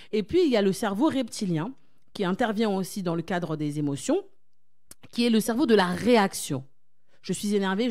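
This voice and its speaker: Her mid-range, darkish voice carries as she coaches a church conference audience. She urges them on, repeating phrases for emphasis and putting questions to the listeners.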